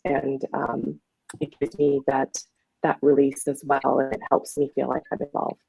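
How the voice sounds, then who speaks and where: A woman in her forties from Afghanistan, a journalist, speaking reflectively with pauses on a panel. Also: very deep voice, completely flat delivery, vocal fry, dark tone, breathy edge, no echo, poor audio. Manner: reflective, with many fillers and pauses. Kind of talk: panel discussion.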